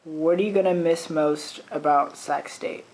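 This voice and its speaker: Deep-voiced woman asking questions. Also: steady tone, measured pace, darkish tone, a little hiss or hum, low-quality recording. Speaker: interviewer. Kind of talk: reading interview questions.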